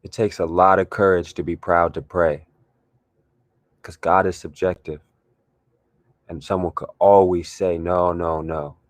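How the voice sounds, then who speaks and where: A man hosting a guided group talk, speaking in a calm, drawn-out, reflective way with sighs. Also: low voice. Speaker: host leading a guided discussion. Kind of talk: slow meditative guided talk.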